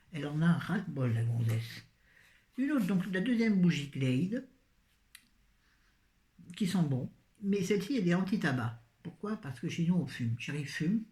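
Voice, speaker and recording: A woman's voice: very deep voice, mellow. A tired woman with a fading voice, chatting in a scattered, self-mocking way about her grocery haul, recorded on a phone. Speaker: vlogger. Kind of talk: casual shopping haul chat. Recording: echoey room.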